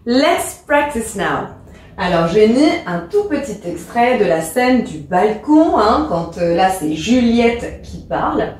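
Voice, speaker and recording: A woman's voice: medium pitch, animated, measured pace, few pauses, darkish tone, far from the mic. A woman teacher giving a lesson, patient and step-by-step. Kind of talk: explanatory lesson. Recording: very echoey room.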